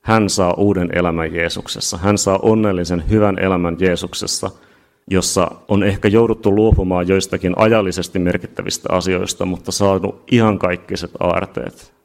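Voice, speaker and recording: A man preaching a sermon, emphatic and building to shouts at key points. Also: deep voice, fairly even intonation, vocal fry. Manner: emphatic, rising to shouts at climaxes.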